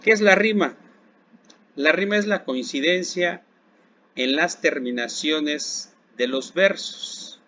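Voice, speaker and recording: A man with a Mexican accent teaching a recorded Spanish lesson to secondary school students. He speaks slowly and deliberately, asking a question and then answering it himself. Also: a little high, sharp tone. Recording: dull lo-fi recording with faint background hiss.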